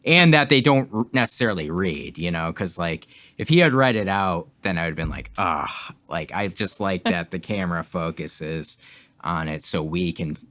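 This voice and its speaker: Animated man chatting on a podcast. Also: low-pitched, normal speed, no room sound. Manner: animated, laughs often, many fillers. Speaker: podcast co-host. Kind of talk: casual chat.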